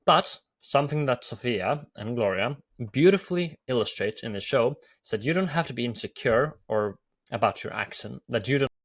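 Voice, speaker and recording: A man's voice: mid-range voice, expressive, normal speed. A man from Norway with a Norwegian accent, hosting an enthusiastic video commentary with repetitive phrasing. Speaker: YouTube host.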